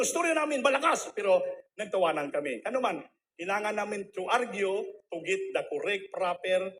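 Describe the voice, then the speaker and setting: A middle-aged male preacher gives a testimony sermon in a high voice, talking conversationally and slipping English phrases in. Faint noise sits under the recording. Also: a bit bright.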